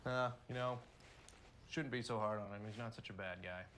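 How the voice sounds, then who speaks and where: A man's voice: on the low side, moderate pace, a bit bright, a little hiss or hum, close to an everyday voice. A young man playing an easygoing, peacemaking missionary who speaks matter-of-factly. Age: young adult.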